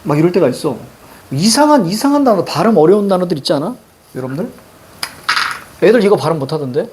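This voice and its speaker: A woman teacher giving a chatty classroom lecture, joking with students and reading old verse aloud slowly. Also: on the low side, very animated, a little mellow, slight background noise. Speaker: Korean literature teacher.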